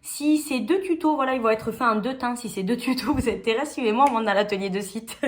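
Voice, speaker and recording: A woman's voice: a little high, fast talker. A woman hosting a casual sewing tutorial, chatty and joking at her own expense, often breaking into giggles. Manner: chatty and giggly, self-mocking asides.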